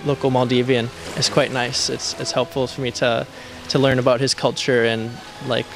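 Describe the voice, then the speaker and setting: A young man from the central United States, a veterinary student chatting casually in an interview with lots of relaxed fillers. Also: mid-range voice, moderate pace, creaky, noisy background. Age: young adult. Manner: relaxed, informal, with fillers like 'like' and 'kind of'. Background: background music.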